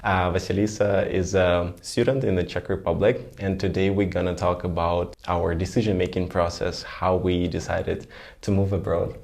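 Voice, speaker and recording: A man's voice: sits low, flat delivery, normal speed, creaky, darkish tone. A man hosting a casual podcast interview, friendly, asking prompting questions and giving frequent affirmations. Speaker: podcast host.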